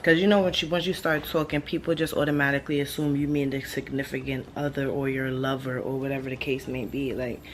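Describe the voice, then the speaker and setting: A woman's voice: a bass voice, fast, hardly any pauses. Rambling stoner woman, casual and noisy recording. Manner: slangy, blunt, sprinkled with swearing. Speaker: vlogger. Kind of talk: casual rambling monologue to camera. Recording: steady background ambient noise.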